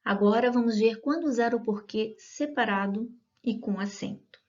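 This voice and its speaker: A woman's voice: fairly high pitch, moderate pace. Woman teaching grammar, dull lo-fi sound. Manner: patient, explanatory, checks in with "ok?" and "tá?". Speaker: Portuguese teacher. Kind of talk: grammar lesson. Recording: dull lo-fi audio.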